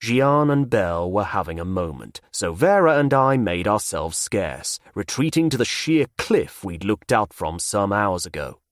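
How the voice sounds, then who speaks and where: A man narrating a fantasy audiobook in first person with a measured delivery. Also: fairly low pitch, sing-song, no echo, studio quality.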